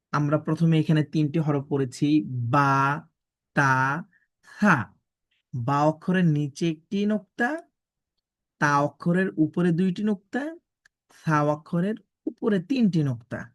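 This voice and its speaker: A man teaching Quran letter pronunciation, stating each letter slowly and carefully, then repeating it. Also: fairly high pitch, no echo, clean studio sound. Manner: drawn-out, deliberate modeled pronunciations.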